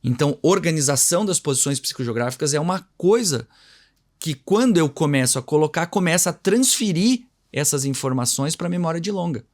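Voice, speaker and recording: The invited communication and NLP trainer, speaking with a Brazilian Portuguese accent, uses a slightly high, expressive voice at a brisk pace during an explanatory interview. His style is didactic, with deliberate intonation shifts for contrast and short acted-out dialogues as examples.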